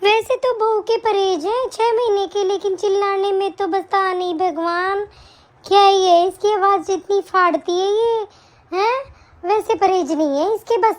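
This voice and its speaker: Put-upon old mother-in-law, high and plaintive, grumbling under her breath, a woman playing her. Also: steady tone, measured pace. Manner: pleading, complaining to herself. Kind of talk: amateur family drama acting.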